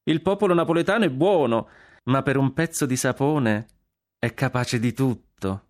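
A man's voice: mid-range voice, normal speed, voice pushed up, natural voice. A man voicing an ironic, cool Spanish noblewoman.

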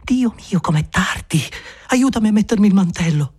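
A man voicing a passionate, playful young woman lover in a read-aloud novel, with a husky voice raised well above his own. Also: medium pitch, lively intonation, a little slow, voice pushed up. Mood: alarmed. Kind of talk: audiobook character voice.

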